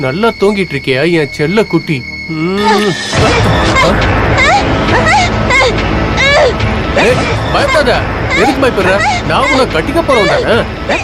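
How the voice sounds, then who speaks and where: A man's voice: high-pitched, animated, moderate pace, loud music behind the voice, over a noisy crowd. An actor playing a greedy, scheming young man who bullies and coaxes in a film drama. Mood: menacing. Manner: sneering, coaxing, menacing. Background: film score.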